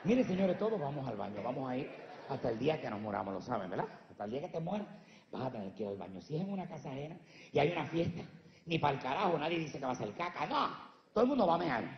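A man's voice: fairly high pitch, sing-song, fast, gravelly, reverberant, in a large hall, dull audio. A man from Puerto Rico with a Puerto Rican accent doing brash, profane stand-up comedy before a live audience, teasing the crowd. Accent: Puerto Rican Spanish.

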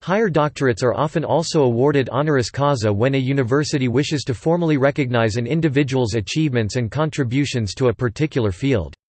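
A man with a slightly husky voice reading scripted reference text aloud in a measured way, carefully spelling out abbreviations. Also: medium pitch, darkish tone, no room sound. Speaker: narrator of an audio encyclopedia article.

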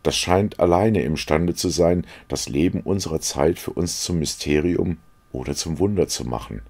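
A man's voice: low voice, moderate pace, darkish tone. A man reading aloud as an earnest, secretive young painter who confides and pleads. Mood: earnest, confiding.

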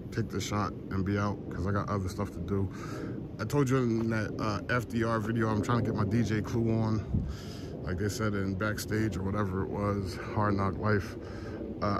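Outdoors by trolley tracks atop a trestle, a man with a fairly low voice rambles offhandedly, slangy and jokey, for his vlog. He works as a podcast host and photographer, and his arm's-length phone recording is noisy, with clear outdoor ambient sound.

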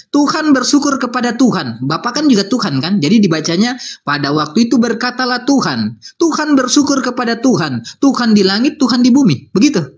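A man acting as a preacher in a heated religious debate, insisting and repeating his questions again and again. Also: very high voice.

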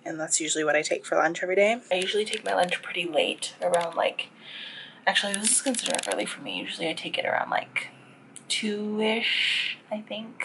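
A Singaporean photographer in her twenties, with a lowish, slightly bright voice, chats casually and rambles to her camera with lots of fillers in a vlog that moves from a car to a small office and then a home room. Her camera-mounted mic, held close or on a tripod, picks up some hiss or hum, and the audio quality is poor.

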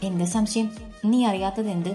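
A woman's voice: medium pitch, fairly even intonation, moderate pace, dark tone, soft background music, close to an everyday voice. A woman voicing a troubled young husband. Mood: strained. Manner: hesitant, evasive.

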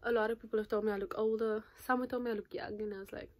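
A chatty, animated nineteen-year-old YouTuber vlogs casually to camera, gesturing a lot and saying "like" constantly. Her fairly high voice is rapid-fire, and the audio is dull. She's in a small bedroom before a patterned curtain, with the phone or camera held at arm's length.

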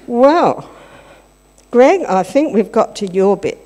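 With big pitch swings in a fairly high, warm voice, an older woman slowly leads a playful children's talk during a church service, chatting and asking the children questions. She holds a handheld mic, and the large congregation-filled hall gives a long reverb.

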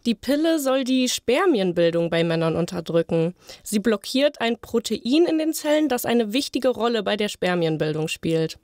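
A woman's voice: fairly high pitch, animated, moderate pace, hardly any pauses, a little mellow, no echo, studio quality. Young woman reading a podcast script. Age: young adult. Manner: clear, read-from-script delivery. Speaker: podcast co-host, journalism student.

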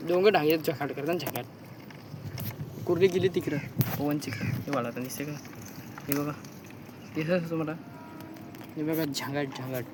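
A man's voice: fairly high pitch, moderate pace, long pauses, very noisy. A man vlogging casually outdoors while checking crab nets by the water, chatting to viewers and pointing things out as he films on a phone.

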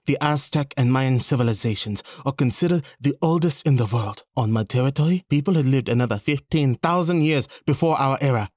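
A performer voicing a touchy, proud Mexico countryball in a cartoon, indignant and defensive, with a husky voice. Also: medium pitch, brisk, few pauses, a little mellow, dry recording, studio quality, close to an everyday voice. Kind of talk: cartoon voice acting.

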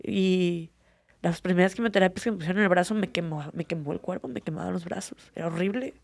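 Young Mexican woman, fighter guest, gravelly edge, dry close sound, heartfelt and candid. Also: lowish voice, fast, no room sound. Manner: earnest, emotional storytelling with many fillers. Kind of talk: candid personal interview.

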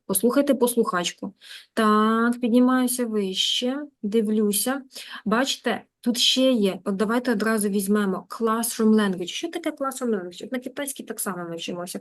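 A Ukrainian woman teaching a beginner English class online, in a lively, coaxing manner, repeating words to drill pronunciation. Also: medium pitch. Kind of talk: live online lesson.

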